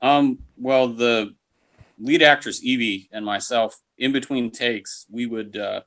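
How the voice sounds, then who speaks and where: A man's voice: mid-range voice, fairly even intonation, slow pace, a bit bright. Jokey man telling a set story. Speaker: cast member. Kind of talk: casual online Q&A.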